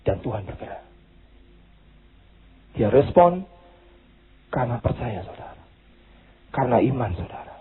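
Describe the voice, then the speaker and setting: Indonesian male pastor, high gravelly voice, lively swings, preaches with shouts and asides, lo-fi narrow sound. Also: slight background noise. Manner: dramatic, shouting and dropping to asides; mixes in English phrases. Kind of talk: sermon with acted-out quotes.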